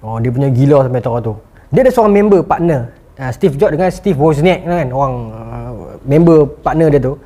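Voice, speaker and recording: A man giving a motivational lecture, telling stories with animated delivery and acted-out quotes. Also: medium pitch, a little fast. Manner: animated storytelling, acting out quotes. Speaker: motivational speaker.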